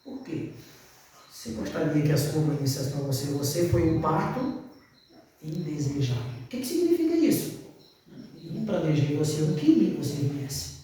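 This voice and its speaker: Folksy preacher in an echoey church. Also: male voice, fairly high pitch, expressive, normal speed, warm tone, slight background noise. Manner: folksy, calls listeners brother, asks them questions. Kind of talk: sermon. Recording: very echoey church, mic far off.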